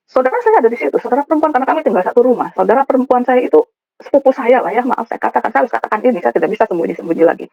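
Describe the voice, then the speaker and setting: A woman's voice: fairly high pitch, lively intonation, rapid-fire, gravelly, faint music behind. Woman giving an emotional church testimony. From West Java (Sundanese). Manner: emotional, often addresses the listeners directly. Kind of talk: personal testimony to a congregation. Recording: dull, dry recording.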